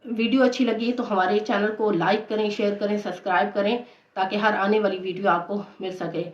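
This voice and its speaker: A woman gives devotional instruction as a religious teacher. She speaks at a middling pitch and explains in a steady, patient way, going over key points again and again. The recording is roomy and muffled. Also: brisk. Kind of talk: devotional instruction on prayer recitations.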